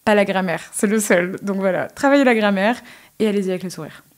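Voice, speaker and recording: A woman's voice: mid-range voice, quick pace. A woman guest on a podcast giving exam advice, speaking hesitantly with many fillers. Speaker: guest, English specialist.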